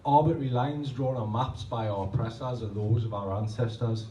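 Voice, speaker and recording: At a pub function room poetry night, a man in his 30s reads rhymed spoken-word poems with rhythmic delivery, rambling in self-deprecating, chatty asides between them. His medium-pitched, mellow voice is fairly even and moderately paced, with a little hiss or hum on a roomy, distant live recording with faint ambience.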